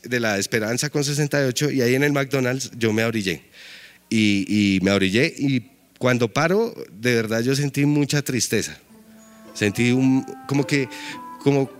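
A man with a Colombian accent, telling a comic story to an audience, acting out other voices and laughing often. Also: mid-range voice.

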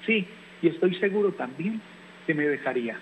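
A man reading aloud and voicing a small, lonely yellow bird boy who is looking for a mother, with a wistful, pleading way of speaking. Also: on the high side, lively intonation, normal speed, slight background noise, natural voice, low-quality recording.

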